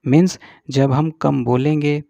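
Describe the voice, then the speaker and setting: A man teaching English in a slow, explanatory lesson, drawing out each English word and checking in with the listener after every point. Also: on the high side, fairly even intonation, gravelly, warm tone, no echo, highs cut off. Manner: slow, drawn-out English words, repeats with "ठीक है".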